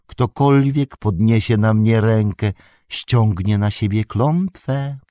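A man voicing an old, fallen male wizard who is scornful and spiteful, speaking slowly and menacingly in an audiobook reading. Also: fairly low pitch, dry recording, studio quality, voice pushed up. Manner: sneering, slow and menacing, rising to shouts.

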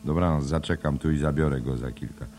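A man voicing a kindly middle-aged man looking after a drunk friend, gentle and murmuring to himself. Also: a bass voice, quick pace, faint music behind. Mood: concerned.

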